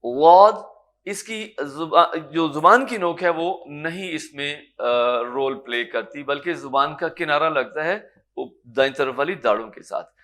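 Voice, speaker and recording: In a lecture room, a Quran recitation teacher with a Pakistani Urdu accent and a somewhat high voice gives a tajweed lesson. He explains patiently, staying calm and encouraging, and sounds out each Arabic letter slowly, loudly, and drawn out.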